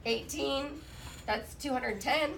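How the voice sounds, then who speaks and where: A woman's voice: high voice, slow, gravelly, crowd noise, rough recording. A woman teaching a math class while sick. She asks her students questions and jokes with them. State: sick, rough voice. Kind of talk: classroom lesson.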